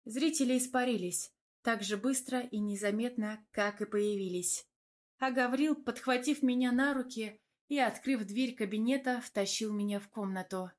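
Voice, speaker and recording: A woman narrating a first-person romance novel in a smooth, even storytelling voice. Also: a little high, normal speed. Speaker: audiobook narrator.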